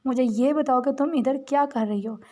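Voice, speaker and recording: Brief: stern, irritable young husband, harsh threats, read by a woman narrator, slightly high voice. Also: moderate pace, mellow, slight background noise, natural voice.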